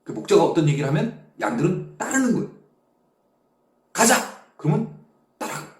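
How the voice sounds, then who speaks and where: A man's voice, pitched a little high and very lively in its rise and fall, leads a Bible study in plain, conversational speech. He breaks into short acted quotes as he unpacks each verse. The recording carries a noticeable echo from the room. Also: quick pace. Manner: explains verses in casual speech, acting out quotes. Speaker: preacher.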